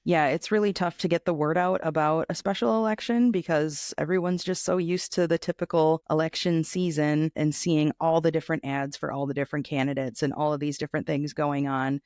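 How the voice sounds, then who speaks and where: A woman's voice: deep voice, steady tone, a little fast, few pauses, a little mellow, no echo, studio quality. Earnest woman co-hosting a podcast. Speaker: podcast co-host and state lawmaker. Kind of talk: casual political chat.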